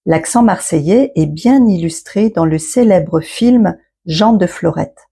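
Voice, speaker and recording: A woman presents a scripted language lesson as a teacher and podcast host. Her voice is fairly low and very mellow, with a husky grain. She phrases things didactically for learners. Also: expressive, a little slow. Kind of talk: scripted educational narration.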